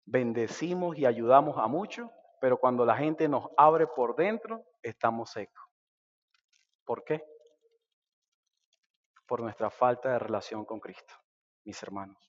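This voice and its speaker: A man preaching a sermon, swinging between loud and hushed. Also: mid-range voice, animated, a little slow, long pauses, in a large hall, highs cut off. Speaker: pastor. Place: church sanctuary.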